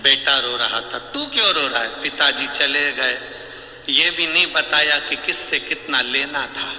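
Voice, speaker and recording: A man's voice: mid-range voice, measured pace, bright, forceful tone, a little hiss or hum. A man preaching a devotional sermon, telling a humorous story and acting out the characters' voices. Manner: humorous, teasing asides. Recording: echoey hall with long reverb, faint ambience.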